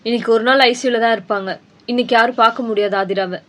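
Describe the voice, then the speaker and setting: A woman's voice: fairly high pitch, steady tone, fast talker, fairly bright tone, lightly acted. A woman voicing a firm, professional female doctor in a cartoon, speaking in an instructive way. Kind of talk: cartoon dubbing.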